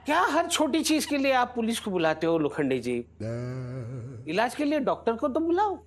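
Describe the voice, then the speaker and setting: A man's voice: extremely high pitch, big pitch swings, moderate pace, background noise, heavily acted. A fretful, scheming father. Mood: arguing. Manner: fretful, plotting, coaxing. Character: anxious, scheming middle-aged father. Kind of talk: TV sitcom acting. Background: background music.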